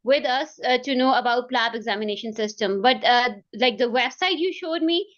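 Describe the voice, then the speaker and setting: A woman's voice: on the high side, normal speed, a bit bright. A young woman from Pakistan moderating a webinar, effusive and thankful, her phrasing loose and full of fillers. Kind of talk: hosting a webinar. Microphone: video call. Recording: dull video-call audio.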